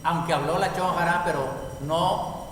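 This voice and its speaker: High-voiced preacher in an echoey hall. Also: male voice, fairly even intonation, fairly bright tone. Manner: slow, deliberate explanation of each word. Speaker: pastor. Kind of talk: sermon teaching on Hebrew prayer. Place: congregation hall. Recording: echoey hall, mic far off, faint noise.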